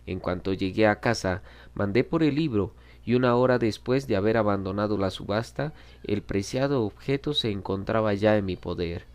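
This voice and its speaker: A man reading a classic novel aloud in a measured, dramatic storytelling manner. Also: on the low side, clear, resonant tone. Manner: measured, dramatic reading, voicing quoted lines. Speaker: audiobook reader. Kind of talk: scripted narration of a classic novel.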